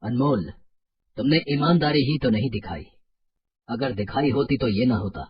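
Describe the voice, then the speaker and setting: A woman voicing a stern male office boss who speaks in a firm, measured way in an animated storybook. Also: very deep voice, recorded from a distance, lo-fi sound, slight background noise.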